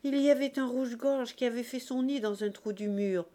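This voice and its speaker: A woman's voice: on the high side, fairly quick, dark tone, voice pushed up, natural voice. A woman reading the part of a loving young woman, eager and tearful, with a raised, pleading voice. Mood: cheerful.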